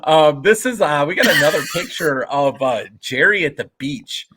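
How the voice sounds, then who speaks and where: A man's voice: a little high, expressive, normal speed, pushed and bright, slight background noise. A man hosting a casual sports podcast, joking and teasing his co-hosts. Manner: joking, easily laughing. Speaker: podcast host.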